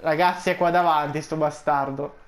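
Excitable man narrating his gameplay. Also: on the high side, moderate pace. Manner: excitable, yelps and cries out when startled; keeps addressing viewers as guys. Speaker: gaming channel host. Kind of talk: casual Minecraft let's play commentary.

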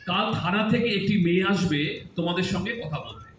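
A man acting in a Bengali radio drama takes the role of a grown son who ribs and lectures his mother and aunt. He talks quickly in a high, fairly bright voice; the recording is distant and echoey, with a faint hiss.

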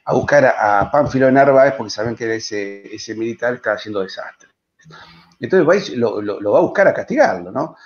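An Argentine man speaking as a guest historian, telling a historical story with lively digressions and voicing the people in it. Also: mid-range voice, brisk, highs cut off. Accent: Argentine Spanish. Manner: lively, digressive, voices quoted characters. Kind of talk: animated storytelling in a panel discussion.

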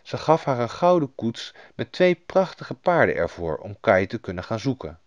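A man reads a fairy tale aloud with a bouncy, animated voice. The recording is dry and a little dull, like an older lo-fi track. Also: mid-range voice, moderate pace, dry recording. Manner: lively storybook reading, voicing each character. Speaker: storyteller. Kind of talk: scripted fairy-tale narration.

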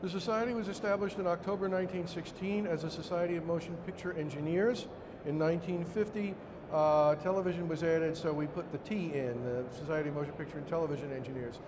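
This middle-aged Brooklyn-accented speaker, standing in for a director, presents slides formally but haltingly before a seated conference-room audience, his somewhat high voice keeping a fairly even intonation. He starts on the podium microphone and later picks it up by hand, while the echoey hall carries noisy ambience.

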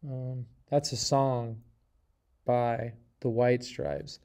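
A man's voice: medium pitch, little pitch movement, drawn-out words, warm tone, smooth. A man teaching a coding lesson in a casual, chatty way, with joking asides and lots of fillers. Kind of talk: casual screen-recorded coding tutorial.

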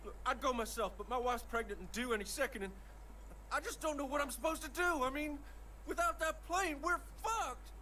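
A man's voice: very high-pitched, brisk, bright, forceful tone, a little hiss or hum. An actor playing a desperate, swearing male pilot who is about to become a father, in video game dialogue. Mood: pleading. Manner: pleading, swearing.

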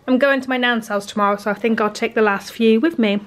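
Her voice a little high and her intonation fairly even, a British baking vlogger in her thirties talks quickly through a casual cooking demonstration. She thinks out loud informally in her indoor home kitchen, where dish clatter and household noise can be heard.

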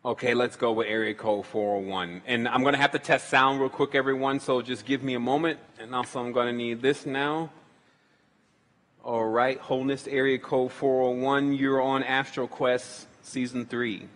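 A man's voice: mid-range voice, fairly even intonation, moderate pace, a bit bright, big-room sound. A man hosting a call-in show, speaking in a loose, rambling way with many restarts. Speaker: radio show host taking calls. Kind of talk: casual call-in talk.

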